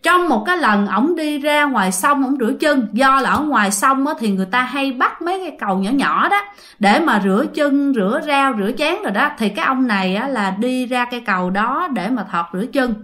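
Telling ghost stories sent in by listeners, a Southern Vietnamese woman hosts her channel in a high-pitched, somewhat bright voice. She's brisk and animated, chatting directly with her audience as she narrates.

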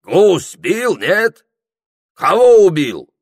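A male reader voicing a gruff, blunt middle-aged Circassian man who barks out broken, clipped phrases. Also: high-pitched, huge pitch swings, extremely slow, voice pushed up, heavily acted. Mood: mocking. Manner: broken, clipped speech, barked loudly.

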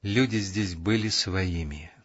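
A man calmly reading an audiobook narration in a measured way. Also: sits low, slightly rough, dull audio. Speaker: audiobook reader.

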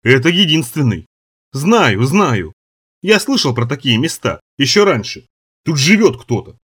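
A man's voice: medium pitch, very animated, a little slow, fairly bright tone, slightly rough, heavily acted. A man voicing an old, cowardly male scavenger who pleads in a tearful, whiny way. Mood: panicky whining.

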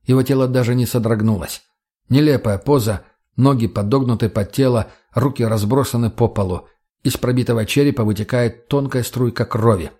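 A man narrating an audiobook with a husky, grainy voice at a middle pitch. His reading is steady and measured. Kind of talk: scripted narration.

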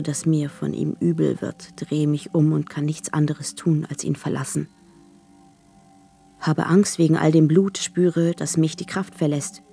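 A wounded young woman in a radio drama. Her voice is gravelly and dark, and she talks in short, fragmented bursts. Soft music plays faintly underneath. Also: sits low. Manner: halting, short fragmented phrases. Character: wounded desperate young woman begging to die. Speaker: first-person narrator of a radio drama. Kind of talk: scripted radio drama monologue.

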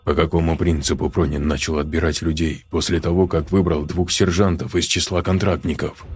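A man narrating a story aloud in a steady, measured reading. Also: very deep voice, slightly rough, soft background music. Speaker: audiobook narrator. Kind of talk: scripted narration.

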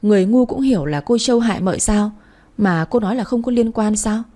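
Brief: a woman doing a feisty young maid, loud and accusing, mellow tone. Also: medium pitch, brisk, pitched above the performer's own voice, close to an everyday voice. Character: outspoken young female servant girl, blunt and fiery.

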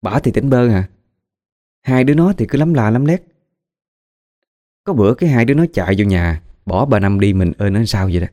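A man's voice: on the low side, lively intonation, fairly quick, long pauses, mellow. A man with a Southern Vietnamese accent telling a ghost story in a chatty, gossipy way.

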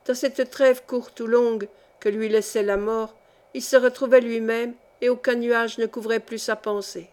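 A woman reading a historical novel aloud as an audiobook narrator, in a measured, dramatic way. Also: a little high, level tone, darkish tone. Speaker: audiobook reader.

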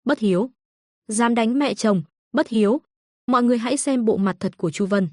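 A woman's voice: fairly high pitch, normal speed, darkish tone, no room sound, clean studio sound, lightly acted. A woman voicing a spiteful, scheming older mother-in-law who scolds and curses shrilly in a storybook reading. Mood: wailing insults.

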